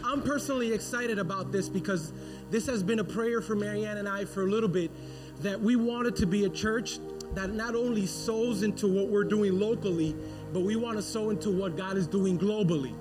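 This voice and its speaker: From the front of a church sanctuary, a male pastor with a notably high voice energetically urges his congregation on during a service announcement. He speaks at a moderate pace, with music clearly audible behind him.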